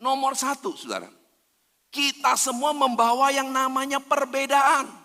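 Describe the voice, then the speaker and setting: Lively high-voiced preacher in an echoing hall. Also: male voice, unhurried. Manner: emphatic preaching, constantly addressing listeners as brothers and sisters. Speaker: pastor. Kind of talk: sermon. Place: church hall. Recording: long church hall reverb.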